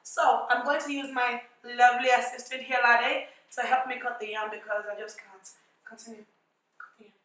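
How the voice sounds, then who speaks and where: A young woman from Nigeria runs a casual cooking tutorial in her home kitchen, teasing and cursing for laughs. Her voice is a bit hoarse and comes out bright, with heavy echo off the kitchen walls. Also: on the high side, steady tone, normal speed. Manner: playful, brash, swears jokingly. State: voice partly gone. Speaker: cooking vlogger. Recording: very echoey kitchen.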